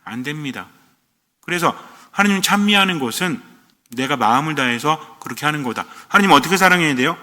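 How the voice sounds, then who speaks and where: Male priest giving a sermon, bright and slightly high, asking and answering his own questions, long church reverb. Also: lively intonation, fairly quick. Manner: asks the congregation questions and answers them himself.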